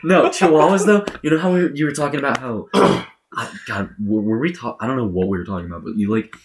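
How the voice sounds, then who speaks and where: A man's voice: medium pitch, brisk. A young man in casual chat among friends, retelling stories with frequent laughter. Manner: giggly, animated retelling.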